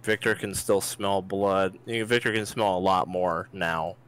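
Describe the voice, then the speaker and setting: A man's voice: low voice, normal speed, a bit bright, clean tone. A man narrating a tabletop fantasy game as game master, in an informal spoken style.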